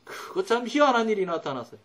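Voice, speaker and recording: A middle-aged male pastor preaching in a high, lively voice that rises and falls a great deal. He tells his story with sudden swings between loud outbursts and quiet, low asides. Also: fast talker. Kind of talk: sermon.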